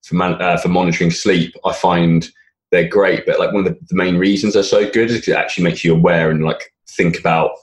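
Guy hosting a podcast, talks really fast, lowish voice, chatty encouraging coach type with loads of asides. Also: fairly even intonation. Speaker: podcast host, fitness coach. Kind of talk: casual interview chat.

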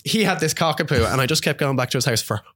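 A man's voice: medium pitch, animated, fast, a bit bright. A man, a podcast guest, talking frankly with frequent laughter in casual chat.

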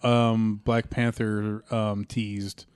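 A man's voice: lowish voice, flat delivery, extremely slow, darkish tone, clear, resonant tone, no room sound, clean studio sound. A man bantering casually as a discussion panelist, jumping in with comments and jokes. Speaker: podcast panelist.

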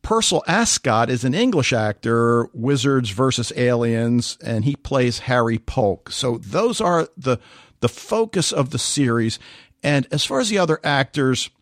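A man's voice: mid-range voice, lively intonation, unhurried, no room sound, studio quality. A man co-hosting a podcast, chatting casually and telling stories with animation. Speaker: podcast co-host.

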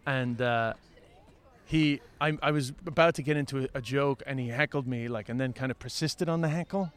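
A man's voice: medium pitch, normal speed, clean tone. A man hosting a podcast, telling rambling stories in casual chat with many restarts. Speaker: podcast host.

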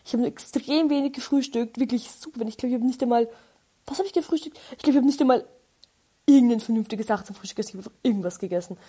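A young woman with an Austrian accent, telling everyday stories as a podcast host in a chatty, animated way and acting out the dialogue. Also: on the high side, racing, breathy edge. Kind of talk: casual storytelling.

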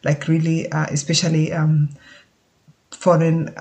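Vlogger, flat even delivery, hesitant and reflective, casual talk to camera. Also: mid-range voice. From Kenya. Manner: halting, thoughtful, searches for words. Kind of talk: casual spoken update.

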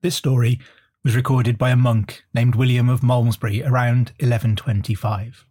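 A man narrating a medieval tale for a history podcast in a measured storytelling way. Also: medium pitch, flat delivery, a little mellow, breathy edge. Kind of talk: reading a medieval tale aloud.

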